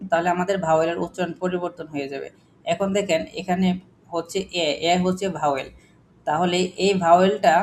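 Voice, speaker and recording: Male teacher, phonics class, quizzing and repeating, faint noise behind. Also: sits high. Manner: questioning, repetitive drilling of examples. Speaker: English teacher.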